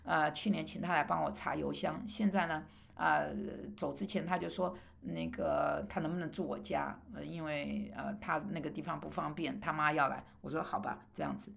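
A woman's voice: deep voice, steady tone, moderate pace, vocal fry. A middle-aged woman preaching a personal sermon, emphatic and rising on rhetorical questions, with hesitant fillers as she tells her story.

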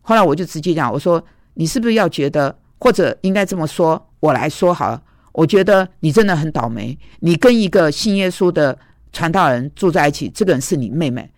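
A woman's voice: sits low, expressive, brisk, dry recording, studio quality. Woman preacher telling a story. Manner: conversational, recounting dialogues. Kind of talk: storytelling sermon.

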